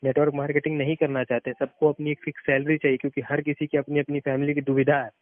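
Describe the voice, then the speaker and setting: His pitch fairly high and his tone level, a man talks at a quick pace during a casual advisory phone conversation. He's a seasoned former network marketer who stresses his points by explaining and repeating them, heard on a dry, muffled narrowband recording.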